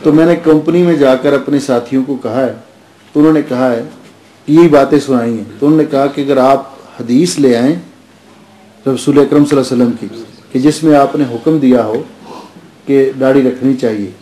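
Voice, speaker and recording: A male preacher giving a storytelling sermon, lively and anecdotal, often chuckling. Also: medium pitch. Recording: roomy echoing lecture space.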